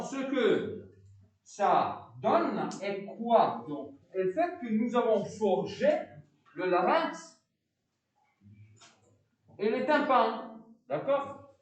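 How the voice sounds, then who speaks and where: A philosophy teacher with a foreign accent, lecturing a class with animated delivery, often stopping to ask students questions and repeating words. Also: male voice, sits high, heavy reverb, distant mic, poor audio. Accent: foreign accent in French.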